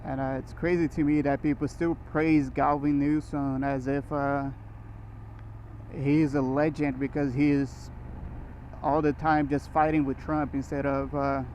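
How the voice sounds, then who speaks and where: Guy from brazil rambling on his motorbike ride, kinda high voice, muffled helmet mic with faint road noise. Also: level tone, unhurried, a little mellow. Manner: rambling, with restarts and short laughs. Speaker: motorcycle vlogger. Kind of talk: casual riding commentary. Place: riding a motorcycle on city roads.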